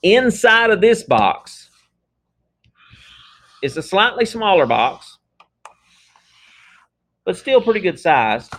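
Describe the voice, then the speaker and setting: A man's voice: sits high, very animated, slow pace, pauses often, fairly bright tone. A man teaching a math class in a casual, conversational lecture, checking in often with his students. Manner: casual, talks through examples with frequent "okay?" checks.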